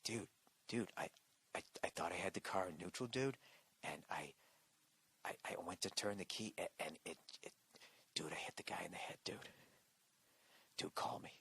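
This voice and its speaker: A man voicing a panicked young man who whispers a phone message and stammers, low and fast. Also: vocal fry, a bit bright, husky, dry recording, heavily acted.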